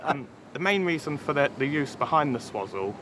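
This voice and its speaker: A man's voice: on the high side, lively intonation, brisk. A man in his thirties, a puppeteer casually explaining his craft in an interview outdoors. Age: 30s. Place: outdoors on a seaside beach. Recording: outdoor ambient noise.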